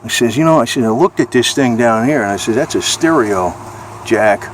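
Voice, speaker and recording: An amateur American video blogger chats in a rambling, informal homemade vlog, matter-of-fact and salty. His mid-range voice is expressive and his speed normal. Vehicle ambience runs through the noisy amateur recording.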